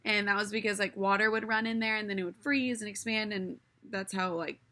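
A woman's voice: mid-range voice, steady tone, brisk, bright, forceful tone. A woman vlog host adding a casual voice-over that explains the work, with a lot of filler words. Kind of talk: voice-over narration.

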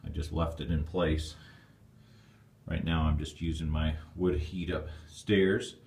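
A man's voice: extremely low pitch, steady tone, slow pace, gravelly, a little mellow, a little hiss or hum. A man giving a casual, rambling walkthrough of his old basement as a homeowner, filming on a handheld phone. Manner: rambling, plainspoken, with fillers. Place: dark stone basement, indoors. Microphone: handheld phone camera. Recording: echoey basement room.

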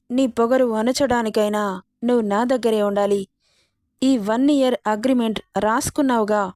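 A woman's voice: fairly high pitch, a little mellow, dry recording, studio quality, natural voice. A woman voicing an arrogant, bullying young man. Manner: taunting, threatening.

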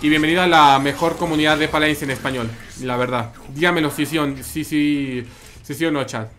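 Male streamer, Mexican accent, raised pitch, casual chatty game commentary. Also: fairly quick, a bit bright, a little hiss or hum. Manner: chatty, repeats phrases, reads and answers chat. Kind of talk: live gameplay commentary.

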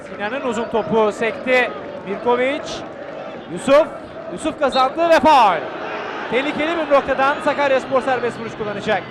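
A man giving live football play-by-play in clipped phrases, calling out players' names and shouting excitedly at chances. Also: extremely high pitch, moderate pace. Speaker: football commentator. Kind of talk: live play-by-play match commentary. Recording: loud crowd and noise behind. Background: stadium crowd.

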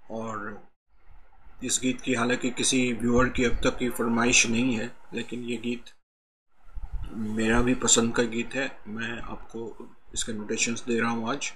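Indian man, congested harmonica tutor, unhurried, sings note names, light background hiss. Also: medium pitch. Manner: calm, slow explaining, sings out note names. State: has a cold, voice a bit heavy. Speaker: harmonica teacher.

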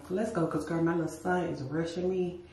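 Her voice sits on the lower side and moves fairly quickly, with a bit of hiss or hum in the audio. The woman is a lifestyle vlogger chatting in a relaxed way to "y'all," starting in her bedroom and moving to a car, recorded by a camera a few feet away that leaves a roomy, distant echo.

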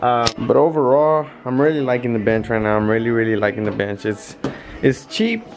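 A young man chats loosely through a product review on an outdoor patio, rambling and laid-back in a mid-range voice. A handheld camera held close picks him up, and music plays clearly underneath. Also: medium pitch, animated, a little fast. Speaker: vlogger. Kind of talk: casual product review vlog.

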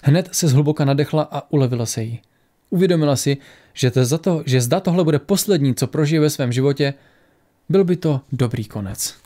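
A man narrating a fantasy audiobook in a steady storytelling manner. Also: fairly high pitch.

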